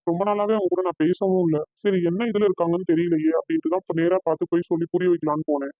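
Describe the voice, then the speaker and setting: A woman's voice: fairly low pitch, level tone, very fast, no room sound, faint music behind, lightly acted. Woman voicing a hesitant, earnest young son. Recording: tinny phone-like dry sound.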